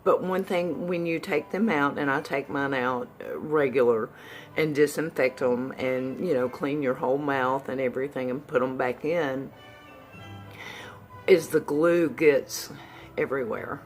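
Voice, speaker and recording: Slow-talking woman with whistling sibilants. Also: rumbling low, soft background music. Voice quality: whistling sibilants from new dentures. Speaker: vlogger. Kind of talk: casual personal update to viewers.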